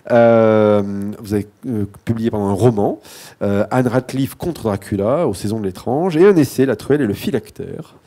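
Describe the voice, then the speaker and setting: A man's voice: fairly low pitch, moderate pace, dark tone. A man moderating a live panel discussion, introducing guests with frequent restarts, self-corrections and light joking asides.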